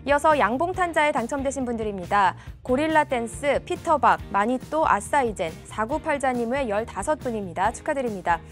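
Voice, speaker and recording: A woman caster reading a scripted announcement on a broadcast, in a clear announcer delivery. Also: high-pitched.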